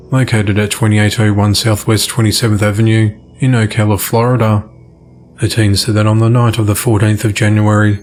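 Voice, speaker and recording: Flat low-voiced man reading news. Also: a little hiss or hum. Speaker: news reader.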